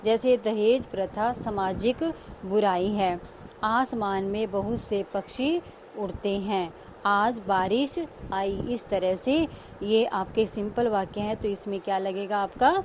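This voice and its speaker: A woman's voice: medium pitch, takes it slowly, a little mellow, slight background noise. A woman school teacher giving a grammar lesson, explaining each term and repeating key words.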